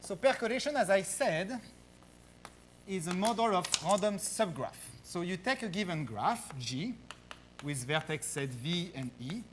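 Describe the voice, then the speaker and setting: A man's voice: high-pitched, expressive, unhurried, a little hiss or hum. A man with a French accent giving a research math lecture, hesitant, with many fillers and restarts. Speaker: guest lecturer.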